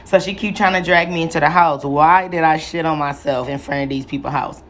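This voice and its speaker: A woman's voice: sits low, steady tone, brisk, fairly bright tone. A young adult woman vlogging a casual, profane storytime, chatty and full of slang. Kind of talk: casual storytime while doing hair.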